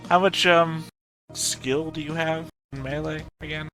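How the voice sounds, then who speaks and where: A man playing a tabletop game over group voice chat, casual and quick to apologize for his own slips. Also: on the high side, fairly even intonation, fairly bright tone, faint music behind. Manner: apologetic, self-deprecating. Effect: heard over group voice chat.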